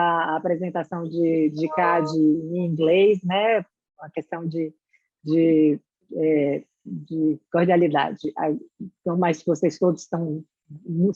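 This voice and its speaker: A woman with a Brazilian Portuguese accent, a Portuguese native speaker, formally welcoming and introducing a guest speaker, halting with many repeated words and restarts. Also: on the low side, warm tone, no room sound. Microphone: video call. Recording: dull lo-fi video call audio.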